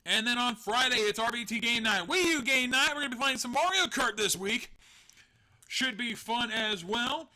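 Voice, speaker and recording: His voice is very high-pitched, bright and forceful, expressive, and set at a moderate pace. As an online show host on a live stream, he rambles through casual chat, jokes about himself, laughs often, and swears occasionally.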